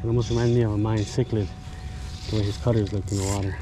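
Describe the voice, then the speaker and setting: A man casually narrating his fishing out loud by a suburban lake, now and then talking to the fish, recorded on an action camera. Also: fairly low pitch, little pitch movement, quick pace. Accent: South Florida English. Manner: chatty, self-narrating, mutters to the fish. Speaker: fishing vlogger. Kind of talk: casual running commentary while fishing. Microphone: action camera on body or bike. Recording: outdoor camera noise.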